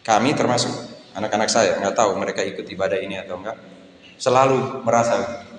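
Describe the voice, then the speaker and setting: A man's voice: fairly low pitch, a little fast, a little hiss or hum. A middle-aged male pastor preaching a sermon, telling stories and acting out the people in them. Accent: Indonesian. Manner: anecdotal, jokey, acts out quoted voices. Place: church hall. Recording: echoey church hall with long reverb.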